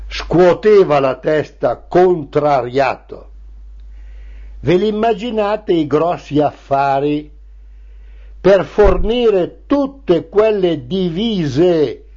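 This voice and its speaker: An older man from Italy telling his childhood memories in a deliberate, unhurried and wry way, on a dull lo-fi recording. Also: a little high, a little mellow. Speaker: storyteller recalling his childhood. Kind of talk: slow spoken memoir narration.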